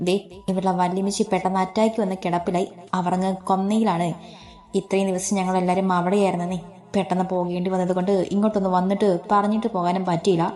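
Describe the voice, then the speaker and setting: A talkative middle-aged family man, explaining himself at length, as a woman reads him out. The voice is mellow and even, with little rise and fall. It comes from a spoken storybook. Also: on the low side, quick pace, echoey room, natural voice. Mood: chatty. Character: chatty middle-aged man, neighbour and father.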